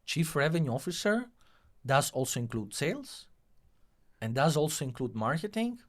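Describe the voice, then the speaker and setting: A man's voice: a little high, big pitch swings, moderate pace. A man with a Greek, Mediterranean accent speaking conversationally as an interview guest, explaining his points and posing rhetorical questions. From Greece. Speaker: interview guest, hotelier and revenue technology professional.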